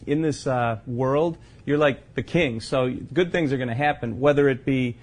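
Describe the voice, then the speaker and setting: A man talks as a guest on a podcast. His voice sits at a middle pitch, and he speaks in a plain, matter-of-fact way while making his case. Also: normal speed. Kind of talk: casual chat.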